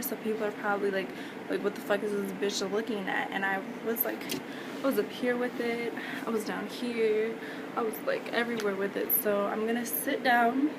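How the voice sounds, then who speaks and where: A young adult American woman telling a story in a casual, slangy, sweary vlog style, recorded indoors on a camera mic. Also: medium pitch. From United States. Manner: informal, slangy, frequent swearing. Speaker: vlogger. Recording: loud fan noise in background. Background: whirring electric fan.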